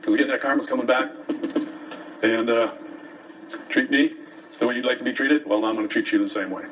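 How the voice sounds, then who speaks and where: A man's voice: mid-range voice, fairly even intonation, a little fast, a bit bright. A man hosting a local commentary show, giving an opinionated, folksy, aggrieved monologue to viewers, sometimes reading from papers. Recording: distant mic, faint background noise.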